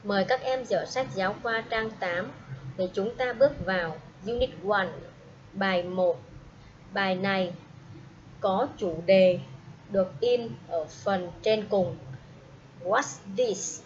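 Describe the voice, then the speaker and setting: A woman teaching a primary school English class, speaking slowly and patiently and having pupils repeat each word after her. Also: mid-range voice. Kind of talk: slow classroom instruction with repeat-after-me drills. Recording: dull lo-fi audio with faint noise.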